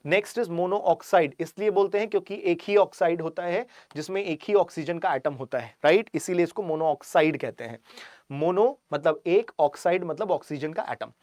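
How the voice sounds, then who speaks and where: A man teaching an English vocabulary lesson, explaining in Hindi and reading English example sentences slowly. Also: a little high, darkish tone, dry recording, studio quality. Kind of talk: online exam-prep vocabulary lesson.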